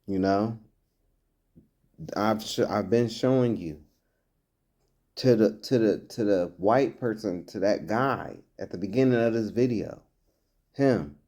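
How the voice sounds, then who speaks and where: A man delivering blunt, emphatic vlog commentary in an unhurried, deliberate way. His voice sits somewhat low. He reads old scripture passages and then explains them in plain, direct talk. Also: mellow. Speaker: vlogger giving commentary.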